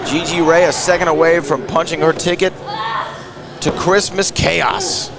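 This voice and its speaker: A man working as a wrestling commentator, calling play-by-play excitedly with emphatic exclamations. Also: a little high, unhurried, vocal fry. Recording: loud music and crowd behind. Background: wrestling crowd and music.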